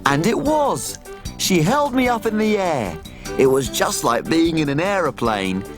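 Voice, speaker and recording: Lively, sing-song tiny cook. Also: male voice, fairly high pitch, unhurried, over music. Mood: storytelling. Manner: exaggerated, sing-song, enthusiastic. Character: Small, tiny cheerful eager little cook. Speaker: children's TV presenter. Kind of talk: playful children's show presenting and storytelling.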